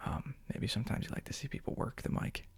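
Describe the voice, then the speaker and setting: This ASMR creator is a fast-talking man who whispers breathily into a close, fuzzy-covered studio microphone. He rambles and cracks self-aware jokes in a casual way, with no room sound.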